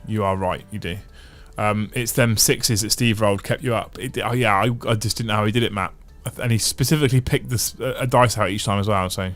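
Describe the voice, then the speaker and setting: With soft music in the background, a livestream host talks fairly quickly and hardly pauses in a low, slightly bright voice. He's chatty, reading viewer comments and musing aloud in long runs full of restarts and repeated phrases.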